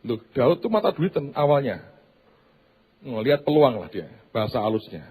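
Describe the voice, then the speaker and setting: A man preaching a sermon as pastor, telling stories that swing from loud bursts to hushed asides. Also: medium pitch, very animated, moderate pace, husky.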